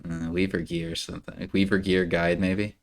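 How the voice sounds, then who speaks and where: A man giving casual live commentary on a card game, animated and quick to jump into high-pitched reactions. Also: gravelly.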